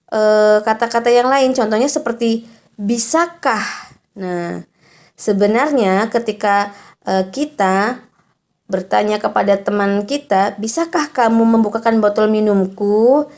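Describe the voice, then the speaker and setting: A woman teacher giving a recorded lesson to young children, explaining slowly and patiently and reading example sentences with exaggerated intonation. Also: fairly high pitch, darkish tone.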